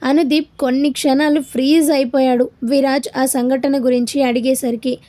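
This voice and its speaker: A woman narrates a serialized story, reading every character's dialogue in her own voice. She speaks at a normal speed in a high, level voice with a dark tone.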